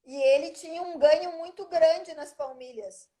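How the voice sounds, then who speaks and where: With an extremely high yet warm voice at normal speed, a middle-aged woman who teaches tells an extended story during a casual interview. Her storytelling is chatty, punctuated often by the tag question "né?" as she checks in with the listener.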